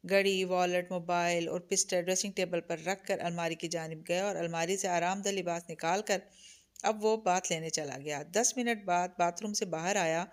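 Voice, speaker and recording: A woman narrates a novel aloud in a steady, dramatic storytelling manner. Her voice sits somewhat low for a woman, and her delivery is measured and scripted. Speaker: audiobook narrator.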